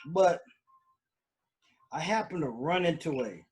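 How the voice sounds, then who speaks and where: Here the slightly high-voiced man hosts his laid-back home stream, rambling through fillers and restarts into a computer microphone. He speaks slowly and with plenty of expression.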